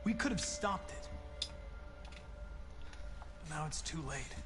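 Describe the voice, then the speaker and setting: A calm, too-smooth male android from a video game. He sits fairly high for a man and keeps every word polished and even. A loud musical score plays underneath. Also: slow pace, over music.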